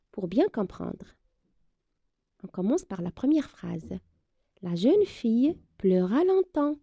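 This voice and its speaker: A woman's voice: on the high side, warm tone, lo-fi sound. A woman teaching a reading lesson to young children, speaking with careful articulation and encouraging them. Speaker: primary school teacher.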